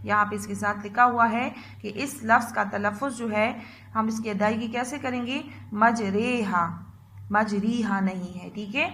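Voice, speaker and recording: A woman teacher giving a recorded lesson to young children. She spells out letters slowly and loudly, drawing out each syllable, and often checks in with a soft "theek hai". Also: fairly high pitch.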